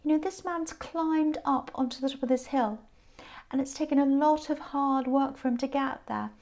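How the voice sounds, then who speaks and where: High-pitched, croaky, tired woman reading tarot. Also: fairly even intonation, moderate pace, a little mellow. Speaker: tarot reader. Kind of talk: casual tarot card reading.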